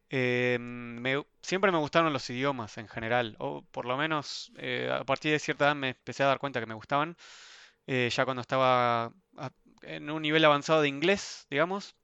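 A young Argentine man with an Argentine Spanish accent, speaking in a casual online interview, thoughtful and hesitant, often trailing off softly. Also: mid-range voice, clear, resonant tone, dry recording, muffled recording. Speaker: interview guest. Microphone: video call.

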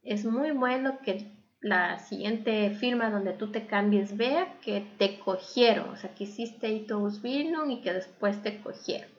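A young adult woman who lives abroad, and whose first language isn't German, speaks candidly and thoughtfully as a guest in a casual interview, using lots of fillers. Her medium-pitched voice is unhurried, and the recording has its highs cut off.

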